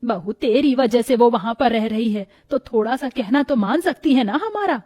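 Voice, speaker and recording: A woman's voice: fairly high pitch, animated, moderate pace, a little mellow, dry recording, studio quality, faint music behind. A woman doing a stern older mother-in-law. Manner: stern, complaining. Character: older mother-in-law, strict but weary. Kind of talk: storybook voice acting.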